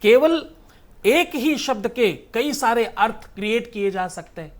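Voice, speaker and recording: A man's voice: very high voice, lively intonation, unhurried. A middle-aged man, a religious guru, answering an interviewer in an emphatic, preaching way, firing rhetorical questions and scorning his critics.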